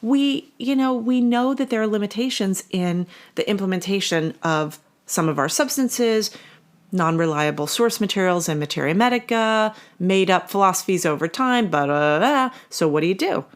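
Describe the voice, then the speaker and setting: A woman co-hosting a podcast, chatting in an animated way and laughing easily. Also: mid-range voice, moderate pace. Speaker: podcast co-host. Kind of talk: casual conversational podcast chat.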